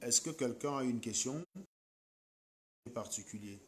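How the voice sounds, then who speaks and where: On a late-night live stream, a man with a Cameroonian French accent talks to his viewers, scolding, combative and mocking toward commenters. His voice is medium-pitched at a measured pace, with a little hiss or hum in the audio.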